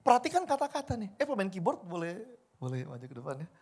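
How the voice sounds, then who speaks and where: A man's voice: high voice, big pitch swings, fast talker, darkish tone, slightly rough. A man preaching a conversational sermon, acting out everyday dialogue in different voices. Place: church service hall. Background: faint keyboard music.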